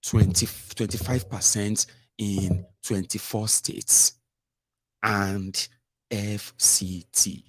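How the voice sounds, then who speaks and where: A man giving political commentary on a live stream, explaining slowly and adding tag questions. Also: lowish voice, fairly even intonation, no echo, clean studio sound.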